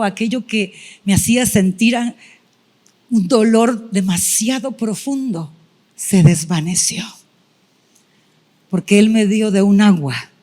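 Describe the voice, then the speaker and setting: A woman's voice: mid-range voice, mellow. A middle-aged woman preacher giving a sermon testimony, telling her story with feeling and acting out her own past prayers.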